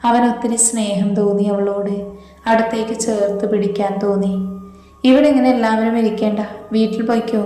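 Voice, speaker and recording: A woman tells a family story in a calm, even voice with a mellow, dark tone. She reads every character's lines herself without changing her voice. The recording sounds roomy, with a long reverb tail. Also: medium pitch, a little fast. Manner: reads all dialogue in her own voice. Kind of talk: scripted story narration. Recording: echoey room with long reverb.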